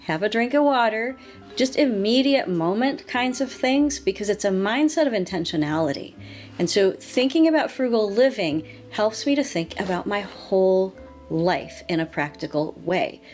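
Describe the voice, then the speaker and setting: A woman in her sixties hosting her own channel, talking to camera in an earnest, gently encouraging way. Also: mid-range voice, lively intonation, moderate pace, soft background music. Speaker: lifestyle channel host. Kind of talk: casual talk to camera.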